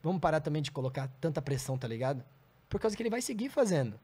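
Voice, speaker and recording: A man's voice: fairly high pitch, very animated, very fast, a little mellow, slightly rough. A man telling blunt, profanity-filled stories in a casual podcast chat. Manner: blunt, profane, heated storytelling. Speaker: comedian guest.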